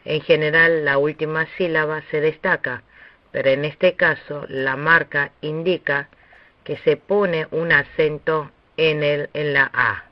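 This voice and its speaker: A man teaching a recorded lesson on Hebrew pronunciation, speaking slowly and deliberately with long pauses. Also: fairly high pitch, fairly even intonation, no room sound. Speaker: Bible language teacher. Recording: dull, dry lo-fi recording.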